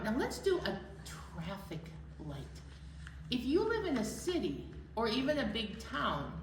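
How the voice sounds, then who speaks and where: A woman with a medium-pitched voice runs a children's library storytime, leading sing-alongs and offering simple encouragement to young children. The recording sounds roomy and distant, with music and slight background noise.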